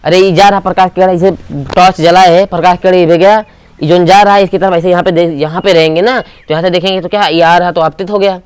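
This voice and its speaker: A man's voice: high voice, fairly even intonation, fast talker, smooth, no room sound. A man teaching a physics class, asking the students short questions and repeating key terms. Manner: call-and-response questioning. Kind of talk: classroom lecture.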